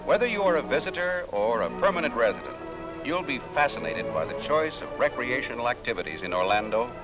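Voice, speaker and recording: A man's voice: medium pitch, sing-song, a little fast, poor audio. A man giving vintage newsreel narration in an upbeat promotional tone. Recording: narration over loud music.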